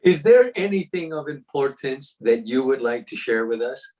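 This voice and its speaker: A man's voice: medium pitch, lively intonation, moderate pace, a little mellow. A man interviewing a guest with brief, direct questions.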